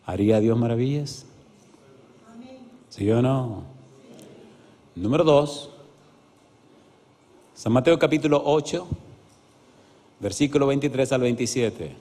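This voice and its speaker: Male preacher, really animated, keeps asking the crowd yes or no, voice rings around a big church. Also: mid-range voice, takes it slowly, pauses often. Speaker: pastor. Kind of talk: lively evangelical sermon with acted-out stories. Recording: reverberant church hall.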